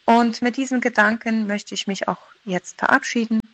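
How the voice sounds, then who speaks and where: A woman's voice: a little high, steady tone, moderate pace, fairly bright tone, dry recording, poor audio. Woman, 30s, from Paraguay, devotional radio talk, earnest, reflective, dry sound. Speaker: radio devotional contributor, mother.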